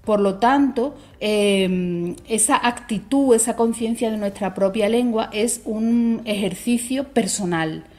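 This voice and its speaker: A woman speaking in a measured, explanatory lecture style, pausing on fillers and adding rhetorical asides. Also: fairly high pitch, a little mellow. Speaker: speaker on language attitudes.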